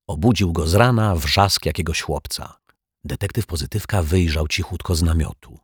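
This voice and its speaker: A man narrating a children's story in a gentle, playful way. His voice is deep and husky, with a lively, expressive pitch. It is recorded close and dry, with no room sound. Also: dry recording.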